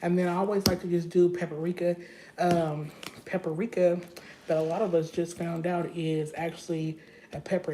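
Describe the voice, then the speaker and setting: A young woman with a deep, warm voice livestreams herself cooking in her home kitchen, chatting casually and loosely with her viewers as she goes. The recording carries a little hiss or hum.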